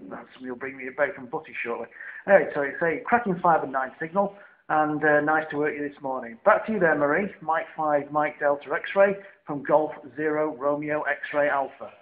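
A man's voice: a little high, moderate pace. A middle-aged Northern English man chatting as a ham radio operator, giving phonetic call signs in a room at home. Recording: thin lo-fi camera audio, faint hiss.

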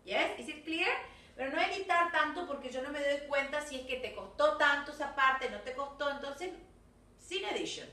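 A woman's voice: high-pitched, lively intonation, normal speed, pushed and bright, roomy sound, far from the mic. An Argentine woman teaching English to young children, giving class feedback and mixing Spanish and English, checking in with "¿sí?" and "¿ok?" after nearly every point. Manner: switches between Spanish and English, coaxing with constant "¿sí?" and "¿ok?".

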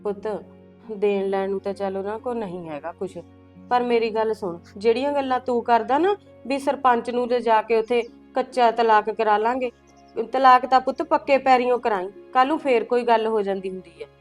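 A middle-aged woman as a gentle village mother, her voice a touch high and even. She coaxes and calms her children. Faint music runs under the scene. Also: brisk, natural voice. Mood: soothing. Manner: calm, coaxing, keeps calling her children "son".

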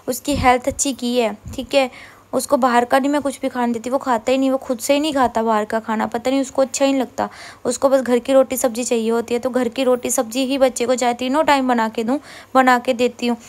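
A woman's voice: high voice, flat delivery, a little fast. A woman in her thirties from India, chatting casually at home about her day as she does chores, rambling and often correcting herself. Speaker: vlogger. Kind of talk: casual chat while doing chores.

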